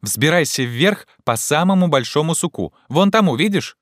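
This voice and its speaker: A man voicing an excitable, feverish gentleman who shouts with loud urgency. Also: a little high, moderate pace, dry recording, studio quality, voice pushed up, lightly acted. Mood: agitated shouting.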